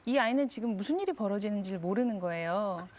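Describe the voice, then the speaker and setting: Soft-spoken woman sharing her testimony. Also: mid-range voice, expressive, quick pace. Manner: soft, reflective, frequent affirming "네". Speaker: guest. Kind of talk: faith testimony interview.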